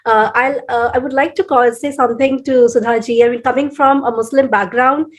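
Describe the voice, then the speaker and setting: A woman with an Indian accent, moderating an interview in a conversational, slightly halting way and circling back over her phrases. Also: fairly high pitch, steady tone. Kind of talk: conversational moderating, audience questions.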